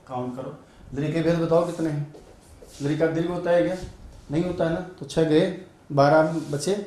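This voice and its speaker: Man, Sanskrit teacher, fairly high voice, repeats syllables, questions and answers himself, heavy room echo, distant mic. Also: a little mellow. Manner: drills sounds aloud, asks and answers his own questions. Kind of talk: online exam-prep grammar lesson. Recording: very echoey room, voice a bit far from mic.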